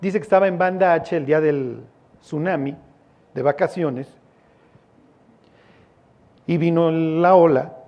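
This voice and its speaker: A man's voice: fairly high pitch, measured pace, long pauses, muffled recording. A man with a Mexican accent preaching a sermon as a pastor, in a casual, joking, storytelling way with slang.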